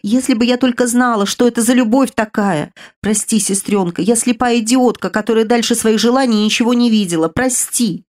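Brief: guilty, frantic younger sister, voiced by a woman, sobbing pleas, louder and pitched up. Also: lightly acted. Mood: guilty rambling. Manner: pleading, sobbing, fast rambling.

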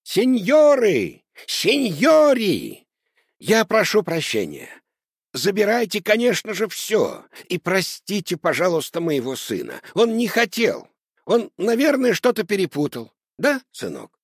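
A man voicing a kind, poor old father who speaks softly and soothingly. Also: on the high side, lively intonation, moderate pace, breathy edge, dry recording, studio quality, pitched above the performer's own voice. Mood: pleading. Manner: soft, soothing, pleading.

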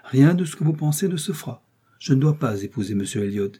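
Un homme qui fait parler une jeune femme réservée et douce mais ferme, dans un livre audio. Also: male voice, medium pitch, expressive, fast, warm tone, slightly rough. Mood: earnest, reserved. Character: reserved young woman, gentle, quietly firm.

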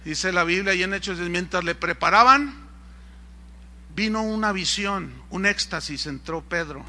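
A man, a pastor preaching a sermon in an animated, ironic way, firing rhetorical questions at his congregation. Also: sits high, measured pace.

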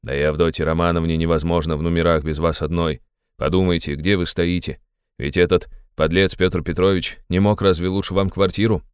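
A man reading an audiobook, voicing a drunk, excitable young man who blusters loudly and talks fast. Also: low voice, clean tone, no room sound, clean studio sound, natural voice. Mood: urgent, hushed. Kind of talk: audiobook character voice.

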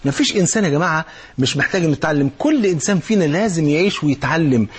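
A man preaching in colloquial Egyptian Arabic. He gives lively marriage advice and often checks in with his listeners through rhetorical questions. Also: on the high side, racing, slightly rough. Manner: animated, acts out little dialogues, coaxing rhetorical questions. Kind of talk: colloquial religious advice talk.

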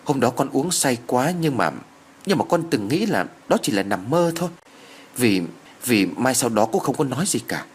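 A man's voice: medium pitch, big pitch swings, moderate pace, slight background noise, lightly acted. A man voicing an anxious young man who answers his parents hesitantly.

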